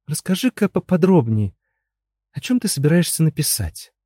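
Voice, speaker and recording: A man's voice: on the high side, expressive, moderate pace, mellow, breathy edge, no room sound, studio quality, pitched above the performer's own voice. A man reading a story and voicing an anxious young wife who coaxes and pleads with her husband. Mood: coaxing. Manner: pleading, coaxing, then frantic. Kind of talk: audiobook character voice.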